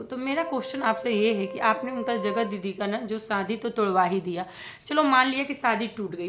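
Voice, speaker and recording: In an opinionated reaction vlog, a woman speaks straight to her viewers in a casual, emphatic way, repeating her points and slipping English words into her speech. Her voice is fairly high and fairly bright, with a faint hiss or hum underneath.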